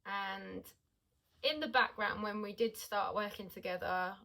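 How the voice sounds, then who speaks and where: A woman's voice: mid-range voice, unhurried, creaky, sharp tone, rough recording. A woman, a singer, chatting casually about her music with hesitant ums and restarts. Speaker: singer and podcast co-host. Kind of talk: casual chat.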